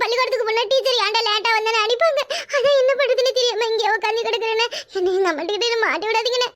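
In cartoon voice acting, a woman uses a very high-pitched, bright, forceful voice to play a scared little schoolboy who skipped school. He sounds pleading and fretful, with a Kanyakumari Tamil accent.

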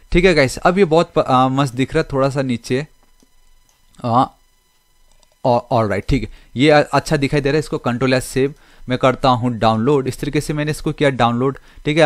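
A man's voice: medium pitch, no echo, studio quality. A man hosting a casual coding tutorial, chatting through his screen as he works and often mixing English into his Hindi. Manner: chatty Hindi-English code-switching, keeps saying okay and guys.

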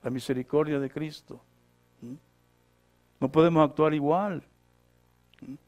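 A man, the pastor, preaching a sermon, who keeps checking in with short questions and swings between loud, emphatic lines and quiet asides. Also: on the high side, fairly even intonation, measured pace. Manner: repeats scripture references for the congregation.

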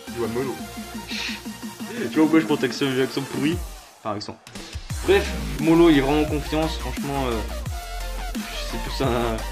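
A young man with a French accent commentating his own football game casually, with slangy banter and bursts of shouting at big plays. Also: medium pitch. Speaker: gaming youtuber. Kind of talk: let's play commentary.

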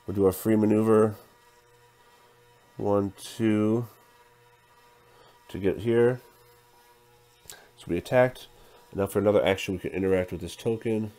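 Deep-voiced man narrating a board game. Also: fairly even intonation, unhurried, long pauses, soft background music. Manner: counts dice out loud, thinks through moves. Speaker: tabletop game player narrating a playthrough. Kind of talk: casual play-by-play, reading game text aloud.

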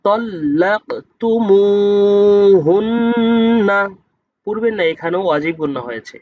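A man teaching Quran reading, who spells out each letter and vowel mark and then slowly draws out the joined word. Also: high voice, phone-quality sound. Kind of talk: step-by-step spelling lesson.

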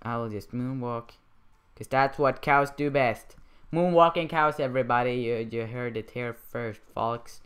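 Man for let's play commentary: goofy, rambling, unhurried delivery, smooth clear tone. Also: mid-range voice, fairly bright tone. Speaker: gamer.

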